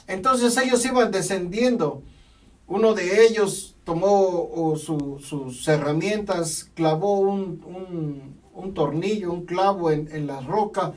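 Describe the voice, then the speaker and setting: A man preaching a sermon, emphatic and repetitive, often pausing to say amen. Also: sits high, a little mellow. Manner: emphatic, repeats phrases, punctuates with "amén". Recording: voice from a distance from the mic.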